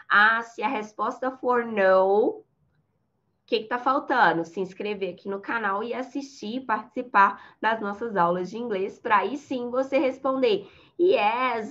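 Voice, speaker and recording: A woman teaches an English lesson, her voice fairly high as she lays out example sentences slowly and carefully. The recording is a little dull and lo-fi. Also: fairly bright tone. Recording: slightly dull lo-fi sound.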